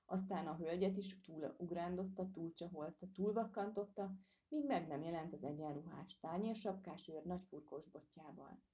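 A woman narrates a children's storybook aloud with expressive delivery. Her voice is fairly low and mellow, dark in color. She reads in a steady storytelling manner.

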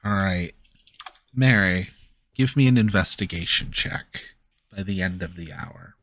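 A man's voice: low voice, measured pace, a bit bright. A man speaking casually as game master, narrating a tabletop game and calling for dice checks.

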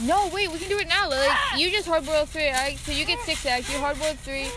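A teenage girl chats in a teasing, easygoing way. Her voice is high, and clear background noise stays under her talk. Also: fairly quick. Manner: chatty, teasing, laughing. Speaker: vlog co-host. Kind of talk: casual chat. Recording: noisy background.

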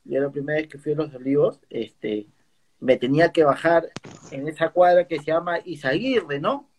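A young man from Peru with a Lima slang accent, chatting casually with a friend. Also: a little high. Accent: Peruvian Spanish, Lima slang. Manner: relaxed slangy chatter, quick agreeing replies. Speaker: friend in conversation. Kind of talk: casual chat.

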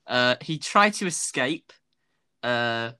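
Bright-voiced young man. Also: medium pitch, lively intonation, slow, clean tone. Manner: laughs often, self-deprecating, rambling. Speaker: guest, fan video creator. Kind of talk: casual interview chat.

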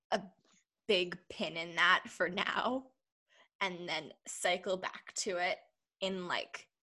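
A woman's voice: fairly low pitch, a bit bright. A woman hosting a history podcast, explaining carefully and hedging her claims. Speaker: podcast host. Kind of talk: podcast discussion.

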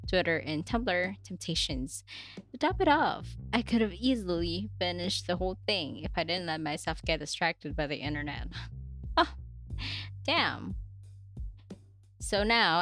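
A woman's voice: lowish voice, fairly bright tone. Giggly young woman reading her diary. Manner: giggly, chatty, self-mocking asides.

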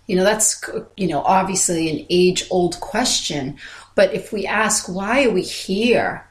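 A woman co-hosting a podcast in casual, reflective conversation, speaking thoughtfully and haltingly, often repeating her phrases. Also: lowish voice. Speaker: podcast co-host. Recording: roomy, echoey sound.

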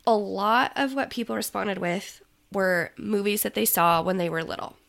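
A woman's voice: medium pitch, normal speed, vocal fry, a bit bright. A woman co-hosting a podcast, chatting casually with plenty of ums and easy laughs. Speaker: podcast co-host. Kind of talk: casual chat.

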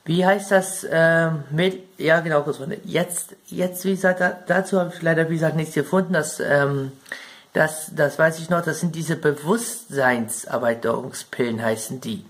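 A man's voice: fairly high pitch, moderate pace. A man with a German accent talking casually about video game plot points, chatty and rambling, often turning to address his viewers directly. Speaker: gaming video creator.

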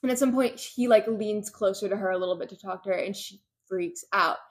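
A woman recaps a novel for her co-hosts in relaxed, easygoing chat. She slips into brief quoted lines and fills the gaps with plenty of "like" and "um." Her voice sits at an ordinary middle pitch. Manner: retells scenes with quick quoted voices, lots of fillers. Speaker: podcast co-host recapping a book. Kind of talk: casual chat.

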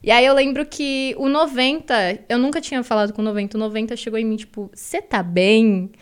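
A woman's voice: fairly high pitch, quick pace, clear, resonant tone. Chatty young São woman. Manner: chatty storytelling, animated quoting of herself. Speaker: guest poet. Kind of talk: casual podcast chat.

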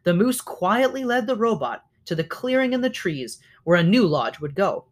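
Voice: mid-range voice, sing-song, moderate pace. A reader reading a children's novel aloud, now and then stopping to correct slips.

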